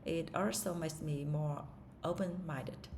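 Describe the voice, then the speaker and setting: A woman's voice: deep voice, steady tone, takes it slowly, a little mellow, slight background noise. A woman whose first language is Vietnamese, practicing English speaking-test answers aloud, asking herself the questions and answering with hesitations and restarts.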